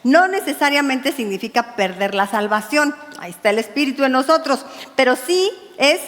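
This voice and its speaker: Predicadora mexicana, voz aguda y resonante. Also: female voice, high voice, animated, normal speed, a bit bright, big-room sound. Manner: chatty and humorous, acts out dialogues, asks "¿verdad?". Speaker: pastor's wife teaching a women's Bible study. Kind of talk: women's Bible study sermon. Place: church hall.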